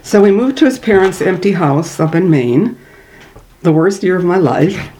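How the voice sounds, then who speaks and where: A woman's voice: on the low side, expressive, moderate pace, dark tone, rough recording. An older woman from northern Minnesota with a Minnesota accent, telling stories in an oral history interview, chatty and laughing between them.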